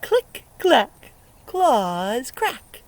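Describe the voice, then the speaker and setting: Her pitch fairly high, a woman teaching early learners reads a picture book aloud by a lake, with steady ambient noise from the water in the background. She asks the young children questions along the way and brings the story to life with expressive, playful delivery and acted-out sound words.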